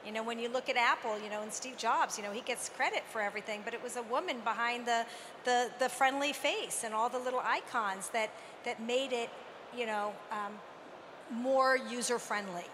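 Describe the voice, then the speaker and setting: A woman's voice: a little high, normal speed. A middle-aged woman speaking animatedly as a panelist on a conference stage, holding a handheld mic. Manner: animated, emphatic, gestures while talking. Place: large conference hall stage. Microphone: handheld microphone. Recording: reverberant hall with background noise.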